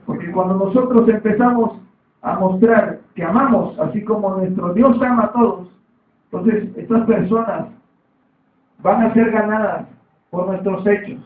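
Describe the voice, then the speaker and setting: A man with a high voice preaches a sermon, circling back to the same points and prompting the room with amens. He sounds distant and roomy, as if heard through a narrow, phone-like line from the back of a church hall. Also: measured pace. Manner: repetitive, calls for amen.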